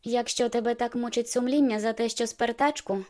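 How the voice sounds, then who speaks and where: A woman's voice: fairly high pitch, fairly even intonation, fairly quick, darkish tone, close to an everyday voice. A woman voicing a teasing young woman. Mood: friendly teasing. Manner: playful, teasing.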